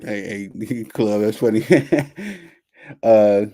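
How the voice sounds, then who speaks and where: A man's voice: lowish voice, drawn-out words, dark tone. A man with a Chicago accent hosting a casual sports podcast over a video call, laid-back and slangy, laughing easily. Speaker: podcast host.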